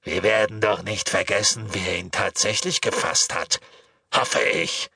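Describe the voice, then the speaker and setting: A man's voice: fairly low pitch, unhurried, creaky, sharp tone, husky, no room sound, studio quality, recorded from a distance, heavily acted. A man doing a growling werewolf thug. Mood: threatening. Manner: growling, threatening. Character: menacing gravelly male werewolf henchman.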